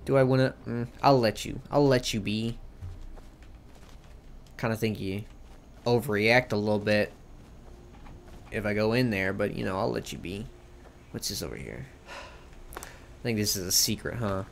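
Joking young man, gravelly gameplay chatter. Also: fairly low pitch, moderate pace, pauses often, a little hiss or hum. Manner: joking, slangy, talks to himself. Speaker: let's play host. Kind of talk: casual gameplay commentary.

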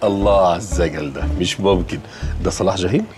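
An actor playing a jovial, middle-aged company owner who speaks Egyptian Arabic in a teasing, good-humored way. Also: male voice, deep voice, fast talker, lightly acted. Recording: TV soundtrack with music underneath.

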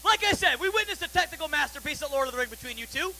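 A man's voice: extremely high pitch, expressive, rapid-fire, sharp tone, a little hiss or hum. A young man playing the boss in a wrestling promo, making emphatic announcements with stretched-out words. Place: brick-walled indoor wrestling venue. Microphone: handheld microphone.

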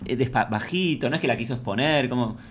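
A man's voice: mid-range voice, quick pace, slight background noise. A man with an Argentine accent giving campy, gossipy commentary on a reality show and mimicking the people he talks about. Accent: Argentine Spanish.

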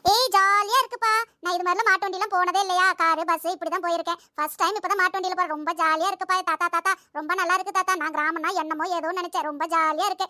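A woman voicing an excitable young schoolgirl in a cartoon, pleading and whining in a childlike way. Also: extremely high pitch, rapid-fire, dry recording, clean studio sound. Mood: delighted. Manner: pleading, whining, then gushing. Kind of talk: cartoon voice acting.

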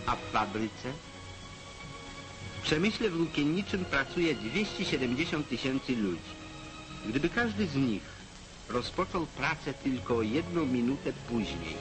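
A male narrator in the manner of an old newsreel, with a voice of middling pitch. He speaks in a measured, declamatory way, urging his audience on. A clear music score plays under him. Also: poor audio. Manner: measured, declamatory, exhorting listeners.

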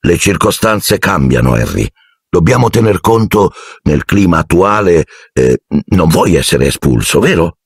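A man's voice: sits low, expressive, a little slow, vocal fry, breathy edge, no room sound, studio quality, exaggerated voice. A man voicing a fussy, jovial middle-aged minister who talks to a boy in a genial, patronizing and evasive way.

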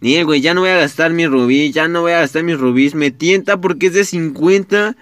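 A young man with a Mexican Spanish accent giving casual, excitable gameplay commentary, swearing often and talking straight to his viewers. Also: a little high, fairly quick, smooth, dry recording. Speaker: gaming YouTuber.

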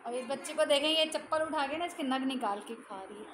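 A woman's voice: sits high, fairly quick, fairly bright tone, slight background noise, poor audio. A young woman and mother chatting casually in a home vlog, talking in a loose, repetitive way. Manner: chatty, repeats herself, fills with "jo hai na". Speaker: vlogger and mother.

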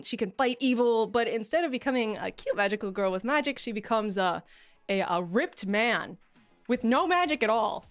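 A woman's voice: fairly high pitch, clear, resonant tone. A woman streamer chatting casually on a livestream in a playful, giggly, self-deprecating way. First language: English. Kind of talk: casual livestream chat, debut introduction. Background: background music.

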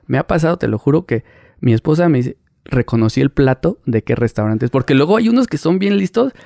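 Mexican man, thirties, gravelly voice, lively storyteller, dry close mic. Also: mid-range voice, fairly quick, no room sound. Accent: Mexican Spanish. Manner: animated, acts out quoted voices, laughs mid-story. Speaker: paparazzi guest. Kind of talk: casual interview storytelling.

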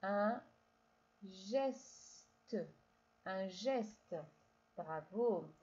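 Lady teacher doing a reading lesson for little kids, super slow, stretches syllables, kinda muffled lo-fi audio. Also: on the high side, warm tone. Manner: slow, patient, drawn-out syllables, addresses child directly. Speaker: primary school teacher. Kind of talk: reading lesson for young children.

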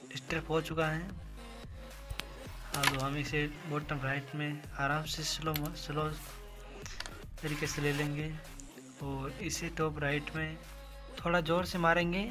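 Man, gaming channel host, casual shot-by-shot commentary, slightly high voice, game music behind. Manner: talks through each shot, calls viewers "guys".

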